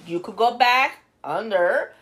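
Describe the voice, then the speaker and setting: Woman, high voice, co-hosting. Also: takes it slowly, fairly bright tone. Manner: slips Spanish words into her talk, swears freely. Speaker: talk show co-host. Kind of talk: casual chat.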